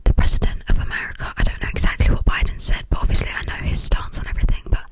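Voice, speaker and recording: A young adult from the United Kingdom speaks in a hushed, breathy whisper, rambling informally and hesitantly in an ASMR style. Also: rapid-fire. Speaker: ASMR video creator.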